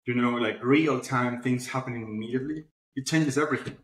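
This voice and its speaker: A man with a mid-range voice speaks fairly quickly, answering interview questions conversationally. He is a guest on the show, the founder of a publishing platform, and the room around him sounds echoey.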